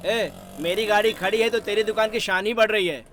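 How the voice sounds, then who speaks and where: A man's voice: sits high, brisk, a bit bright, a little hiss or hum. An actor playing a brash young man who teases and scolds his best friend in a dubbed action film. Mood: teasing. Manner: brash, teasing.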